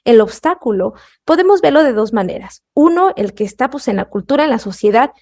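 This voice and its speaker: A woman's voice: on the high side, lively intonation, fairly quick, a little mellow. A woman hosting an interview, thoughtfully summing up her guest's words with frequent fillers. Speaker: podcast host. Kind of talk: reflective interview talk.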